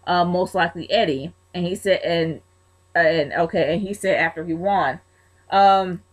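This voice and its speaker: A woman's voice: on the low side, normal speed. A woman vlogger answering viewer questions in casual Q&A commentary, with frank, chatty, blunt opinions.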